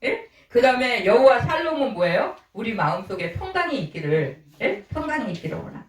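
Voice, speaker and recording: A middle-aged woman pastor gives a homely sermon to her congregation in a small church, voice pitched somewhat high. She keeps asking questions and answers them herself. She sounds distant, caught in the echo of the hall. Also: big pitch swings, brisk. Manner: conversational preaching with rhetorical questions and acted-out quotes.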